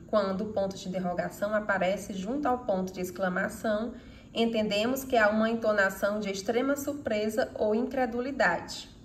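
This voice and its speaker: A fairly high-voiced woman with a Brazilian Portuguese accent teaches a recorded grammar lesson. She poses rhetorical questions and answers them herself, reading example sentences with expression. Faint background noise sits under her voice.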